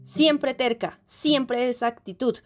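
A woman's voice: high-pitched, takes it slowly, soft background music. A woman playing a stern, dismissive mother in a dubbed film, scolding about her daughter. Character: stern, exasperated middle-aged mother.

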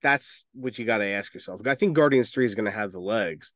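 A man with a somewhat low, slightly bright voice co-hosts a casual podcast, speaking briskly about movies and video games. He rambles and offers strong opinions, swearing now and then, and the studio-quality recording has no room sound.

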